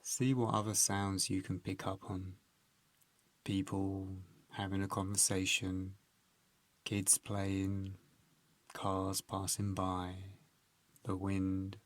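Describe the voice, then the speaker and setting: A man with a low voice leads a guided meditation, giving calm instructions gently and unhurriedly, in measured phrases with pauses. The recording is dry.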